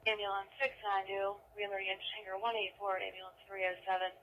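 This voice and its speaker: Quick female dispatcher on scanner radio. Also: medium pitch, level tone, a bit bright. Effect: two-way radio. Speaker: emergency dispatcher. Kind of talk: listing units over radio. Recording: noisy fire scanner radio capture.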